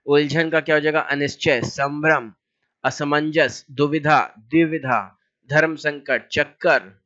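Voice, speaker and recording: A man teaching as a language teacher, reciting lists of synonyms in a steady, drilling way with short asides. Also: on the high side, measured pace, dull audio. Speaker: Hindi teacher.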